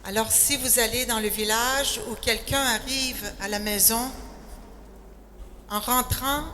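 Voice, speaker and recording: An older woman from Quebec City with a Québécois accent, giving a personal testimony and telling her story in an unhurried way. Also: a little high, fairly even intonation, bright, forceful tone. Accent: Québécois French. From Quebec City, Canada. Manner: slow, unhurried storytelling, sentences often starting with 'alors'. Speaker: speaker giving a faith testimony. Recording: echoey hall with faint noise.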